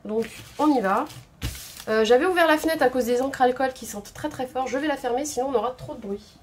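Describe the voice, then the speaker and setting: A woman's voice: high-pitched, fairly quick, background noise. A woman hosting a craft video at home, chatting casually and thinking aloud with many hesitations. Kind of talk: casual tutorial chat. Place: home craft table indoors.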